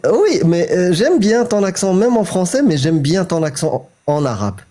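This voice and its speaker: Male co-host of a live chat, friendly and hesitant, with a warm, mellow tone. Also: high voice, big pitch swings, moderate pace. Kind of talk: casual live-stream chat.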